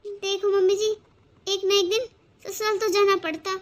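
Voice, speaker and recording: A woman voicing a patient young daughter-in-law in a cartoon who calmly reasons with her mother-in-law. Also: very high-pitched, moderate pace. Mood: coaxing. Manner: calm, coaxing.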